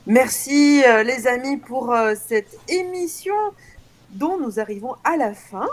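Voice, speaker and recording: A woman's voice: a little high, takes it slowly. A woman presenting a casual radio show as its host.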